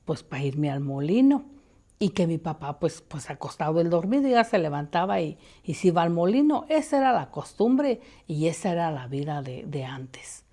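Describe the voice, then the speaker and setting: A woman's voice: low-pitched, animated, moderate pace, dark tone. A woman telling a story from her family in a casual, rambling way, full of fillers, sometimes taking on her mother's voice.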